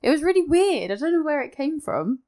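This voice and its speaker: A woman's voice: sits high, sing-song, fairly quick, a crowd in the background. A young woman co-hosting a podcast, giggly and easygoing in casual chat. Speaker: podcast co-host.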